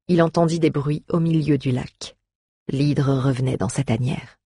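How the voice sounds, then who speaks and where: A narrator reads a fantasy tale in an even, measured manner at a mid pitch. The voice is husky and breathy, captured close on a dry, dead mic. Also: dry recording. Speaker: audiobook narrator. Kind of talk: scripted narration.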